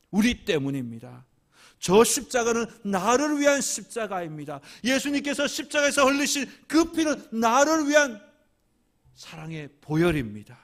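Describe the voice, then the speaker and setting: High, lively man preaching a sermon. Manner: dramatic swings from hushed whispers to loud emphatic climaxes; rhythmic repetition of phrases. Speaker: senior pastor. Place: church sanctuary.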